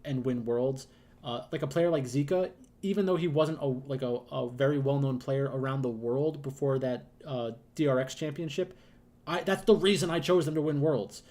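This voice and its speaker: A man with a slightly hoarse, allergy-affected voice, giving casual unscripted esports commentary in a hesitant, rambling way with frequent pauses. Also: mid-range voice, dark tone. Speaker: YouTube host giving betting picks.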